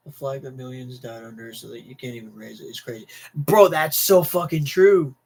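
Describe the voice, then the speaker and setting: A young American man hosts a livestream, ranting casually to chat with emphasis, repetition, and swearing. His voice is medium-pitched and darkish in tone, and he talks a little fast.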